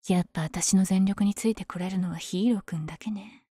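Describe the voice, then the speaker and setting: Villainess for ASMR audio drama, female actor: dark velvety tone, cocky, smitten with her rival, teasing delivery, dry intimate sound. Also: medium pitch, normal speed, dry recording, natural voice. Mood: playful, cocky. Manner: teasing, breathy asides. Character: powerful flirtatious villain lady, smitten with her hero rival.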